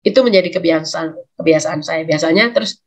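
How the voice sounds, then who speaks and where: A woman gives parenting advice over a video call in a relaxed webinar talk. Her voice is husky, and she slips into quick impressions of a sulky teenager and a calm parent. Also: low voice. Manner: acts out child and parent voices, warm advising tone. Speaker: parenting speaker.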